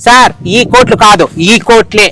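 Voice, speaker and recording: A man's voice: sits high, moderate pace, sharp tone, a little hiss or hum. A man in a comedy sketch, bragging about his dancing.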